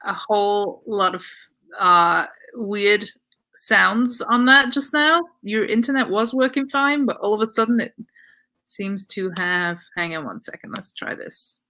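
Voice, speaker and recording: Upbeat female live-stream host, bright voice, chatty and easygoing. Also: medium pitch, a little slow. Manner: upbeat, chatty, handling tech hiccups on the fly. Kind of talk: casual live-stream chat.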